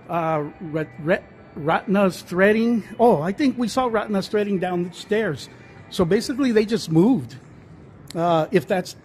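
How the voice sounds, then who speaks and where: Recorded on a handheld phone camera, a man gives a casual, rambling tour of an indoor mall, stumbling through fillers and restarts. He's a vlogger who stays off screen, and his voice is high with a darkish tone.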